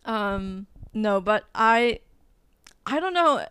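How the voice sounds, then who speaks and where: A woman's voice: medium pitch, lively intonation, very slow, a bit bright, clean tone, dry recording. A young woman co-hosting a podcast, chatting casually and giggling often. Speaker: podcast co-host. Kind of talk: casual chat.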